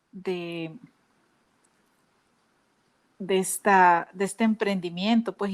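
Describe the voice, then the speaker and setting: A woman hosting a podcast in a casual, enthusiastic, chatty way. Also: mid-range voice. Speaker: podcast host.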